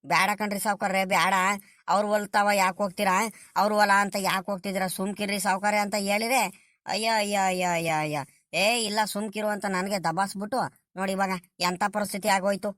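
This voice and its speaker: A woman's voice: medium pitch, steady tone, fairly quick, a bit bright, dry recording, studio quality, lightly acted. A woman voicing an anxious, fawning male servant, who frets, pleads and whines. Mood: fretful. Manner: fretful, pleading, whiny.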